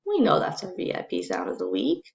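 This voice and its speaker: Creaky-voiced woman, encouraging kindergarten teacher. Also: lowish voice, wildly swooping pitch, a little mellow, lo-fi sound. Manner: kindergarten-teacher manner, encouraging, simple repeated phrases; sounds out letters and words slowly and distinctly. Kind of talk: recorded phonics lesson for young children.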